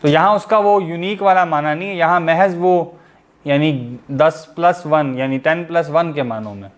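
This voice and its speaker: A man's voice: a little high, normal speed. A man teaching a grammar lesson over an online class. He explains step by step, asking the class questions and then answering them himself.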